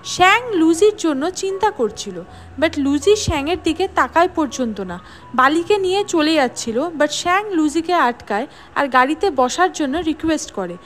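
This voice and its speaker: A woman's voice: high-pitched, normal speed. A woman narrating the plot of a drama scene by scene and reading out the characters' lines as she goes. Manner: lively storytelling, reading out each character's lines. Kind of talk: scripted story narration.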